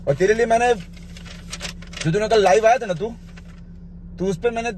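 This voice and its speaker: A man with a noticeably high-pitched, darkish voice rants heatedly to camera, a vlogger answering a rival's live video by rebutting his claims point by point. At a moderate pace and with a little hiss or hum, he bluntly scolds the other man, addressing him directly with the informal "you."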